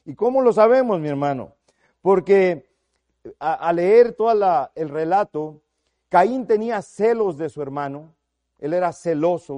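A middle-aged man preaching a sermon, earnest, calling listeners "my brother", swelling loud for emphasis and dropping to a soft low voice. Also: no room sound. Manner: earnest, addresses listeners as "mi hermano".

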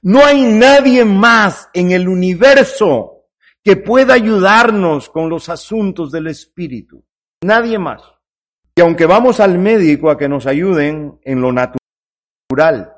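A pastor preaching a sermon, his voice swinging from low murmurs to drawn-out cries, with repeated phrases for emphasis.

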